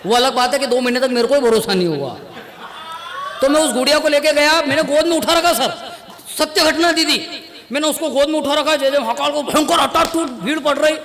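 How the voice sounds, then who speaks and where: A comic poet on stage, telling chatty, self-mocking stories and acting out the dialogue. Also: male voice, very high voice, fairly quick, fairly bright tone, big-room sound. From India. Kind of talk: stand-up storytelling at a poetry gathering. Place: stage at a poetry gathering. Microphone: stage mic on a stand.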